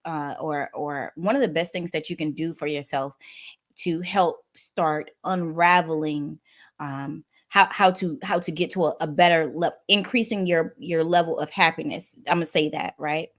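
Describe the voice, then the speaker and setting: A woman's voice: deep voice, moderate pace. A woman in her thirties, a guest on a talk show, speaking earnestly and with animation, addressing the audience directly. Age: 30s. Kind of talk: casual talk on wellness.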